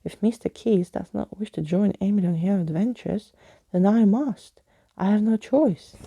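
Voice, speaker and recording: A woman's voice: medium pitch, normal speed, creaky, warm tone, dry recording, dull audio. A woman voicing a flamboyant, old-fashioned male skeleton adventurer from a storybook, speaking in florid exclamations. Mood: earnest, pleading.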